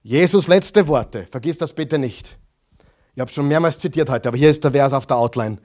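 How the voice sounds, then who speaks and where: A man preaching a sermon as pastor, asking the congregation questions and answering them himself, swinging between loud stressed phrases and quiet asides. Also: medium pitch, normal speed.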